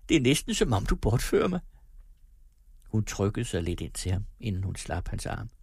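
A male narrator reading a novel in calm, measured storytelling. His voice is low and husky, recorded close and dry with no room sound. The delivery is steady and unhurried. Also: no room sound. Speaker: audiobook narrator. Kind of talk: scripted narration.

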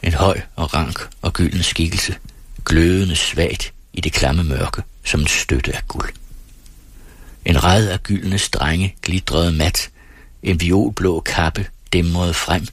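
A man narrating a mythic tale in a measured, dramatic way. His voice is very deep and rough-grained, and the recording is close and dry with no room sound. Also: no room sound. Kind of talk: literary audiobook reading.

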